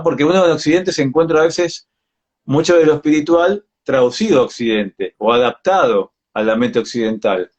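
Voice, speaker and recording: A man in his forties with an Argentine accent speaks in a fairly high, slightly mellow voice. He's a yoga practitioner chatting reflectively as a guest in a casual live interview, often checking that the listener agrees.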